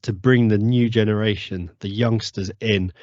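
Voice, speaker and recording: A man with a low voice hosts a casual podcast chat, stumbling and repeating words before he lands on his point. The sound is dry, close and a little muffled. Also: fairly even intonation, a little mellow, dry recording. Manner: halting, repeats words as he talks. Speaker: podcast host.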